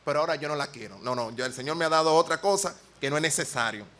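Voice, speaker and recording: A Dominican man preaches a sermon in church, his voice sitting high and ringing with a bright, forward edge. He talks earnestly and plainly, slipping into homely personal stories to make his point. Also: lively intonation, rapid-fire. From Dominican Republic.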